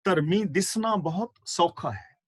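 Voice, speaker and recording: A man giving a scripture class, reciting verses slowly and explaining their pronunciation and meaning, with fervent rhetorical questions. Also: high-pitched, husky, no echo. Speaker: katha preacher. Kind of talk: scripture exposition.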